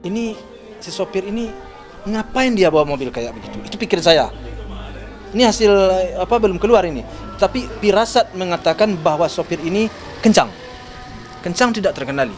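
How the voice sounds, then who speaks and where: A man with a slightly high voice tells his story to reporters in an agitated, emotional way. His pitch swings widely, and faint music plays underneath. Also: very animated, a little fast, pauses often. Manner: agitated, retells phone calls with shifting pitch. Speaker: interviewee, father of the victim's husband. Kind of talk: emotional interview statement.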